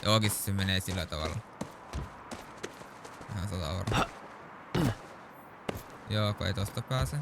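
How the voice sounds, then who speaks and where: A man's voice: low voice, moderate pace, gravelly, long pauses. A man with a Finnish accent giving casual gameplay commentary as a let's play host. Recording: noisy, clicks and game sound behind.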